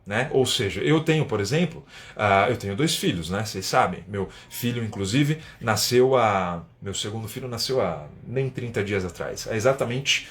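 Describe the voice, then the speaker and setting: A man's voice: fairly low pitch, lively intonation, moderate pace. A man with a Brazilian Portuguese accent, an English teacher hosting a casual live-stream lesson and reading viewer comments aloud. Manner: chatty, explains step by step, tags sentences with "né?", reads viewer comments aloud.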